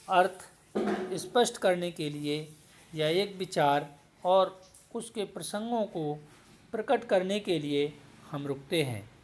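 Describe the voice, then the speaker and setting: A middle-aged male teacher from India walks through a grammar lesson. His voice sits slightly high for a man, and he speaks very slowly and deliberately. He breaks every sentence into short, measured phrases.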